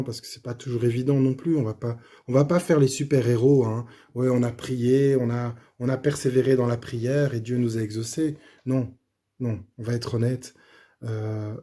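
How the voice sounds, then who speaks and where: This is a personal faith testimony from a middle-aged man whose voice is mid-range, slightly hoarse and dark in tone. He talks in a halting, casual way, restarting sentences and using many fillers.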